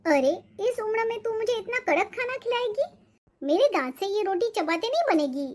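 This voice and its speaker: A woman voicing a nagging, demanding old grandmother who scolds in shrill complaints, for a cartoon. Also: expressive, normal speed, darkish tone. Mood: scolding. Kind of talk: cartoon voice acting.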